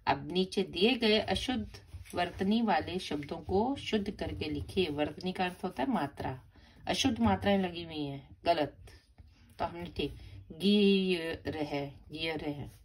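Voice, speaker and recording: A primary school teacher with a lowish, breathy voice speaks at a measured pace. She teaches young children grammar, patiently spelling out words syllable by syllable and repeating and stressing each one.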